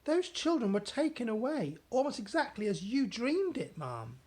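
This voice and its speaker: A woman's voice: a little high, sing-song, normal speed, darkish tone, husky, voice pushed up. A fussy middle-aged maid from a storybook, fretful and loyal, as a woman reader puts her on. She chatters in a raised, eager voice. Every sentence bows to her mistress. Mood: anxious.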